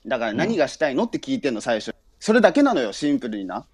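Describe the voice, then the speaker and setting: Blunt, rough-talking man in his thirties. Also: mid-range voice, very animated, very fast, darkish tone, no room sound, studio quality. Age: 30s. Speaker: caller. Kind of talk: heated livestream argument.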